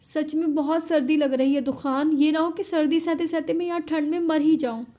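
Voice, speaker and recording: A woman's voice: sits high, steady tone, moderate pace, dark tone, voice pushed up, close to an everyday voice. A woman voicing a frightened young wife in a story, crying and stammering as she pleads. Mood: pleading.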